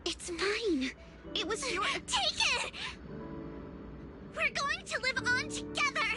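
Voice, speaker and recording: A woman's voice: very high voice, very animated, slow, heavily acted. A woman voicing a fierce, determined young heroine in an anime-style video game. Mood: desperate resolve. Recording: loud music behind. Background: loud music.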